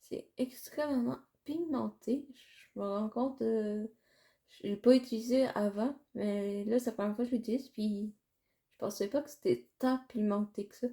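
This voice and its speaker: A woman's voice: fairly high pitch, moderate pace, dark tone. A woman with a Quebec French accent chatting casually through a makeup tutorial, rambling and hesitant with many fillers. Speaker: makeup vlogger.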